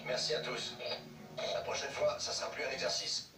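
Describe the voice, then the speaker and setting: A man's voice: mid-range voice, steady tone, moderate pace. A man voicing a male military commander who barks terse, clipped orders over military radio chatter. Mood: commanding. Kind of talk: game unit voice lines. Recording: echoey and distant, over loud game music.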